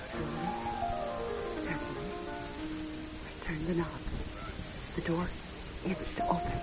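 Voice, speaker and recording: A woman's voice: fairly low pitch, lightly acted. An actress playing an anxious, loving, practical woman in a radio drama, telling her story and speaking in an earnest, dramatic way. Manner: hushed, dramatic storytelling, earnest pleading in dialogue. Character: Portia, practical woman architect, anxious and in love. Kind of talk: radio drama acting and first-person suspense narration. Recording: dull lo-fi radio recording, music behind. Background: music.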